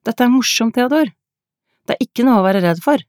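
Excited little girl in a storybook, high and pleading, voiced by a woman narrator; dry, close sound. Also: no room sound, lightly acted. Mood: eager, pleading. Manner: high, bright and coaxing. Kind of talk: audiobook character voice.

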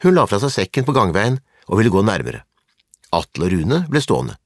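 A man reading a children's storybook aloud in a calm, measured way. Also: fairly low pitch, dry recording, studio quality. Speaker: narrator.

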